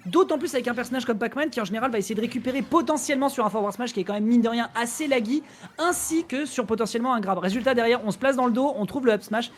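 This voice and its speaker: Fast-talking esports caster. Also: mid-range voice, slight background noise. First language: Italian. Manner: rapid, analytical, quick self-corrections. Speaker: co-commentator. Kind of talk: esports play-by-play commentary.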